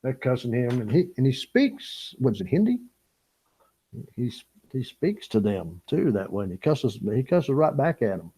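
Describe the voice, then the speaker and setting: A man's voice: mid-range voice, big pitch swings, normal speed, warm tone, breathy edge, poor audio. A man hosting a fishing channel live stream, chatting casually with viewers and reading their comments, rambling and chuckling as he talks. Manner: rambling and chuckling, reads chat comments aloud. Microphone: small camera mic or lapel.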